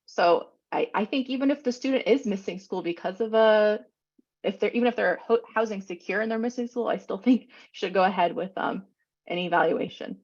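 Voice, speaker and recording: A woman presents a training session over a video call, talking fast and loosely, with plenty of "um"s. Her voice is gravelly and husky, and the call audio sounds muffled and dull. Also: mid-range voice, a little mellow. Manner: quick, informal explaining with many fillers. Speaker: presenter on special education law.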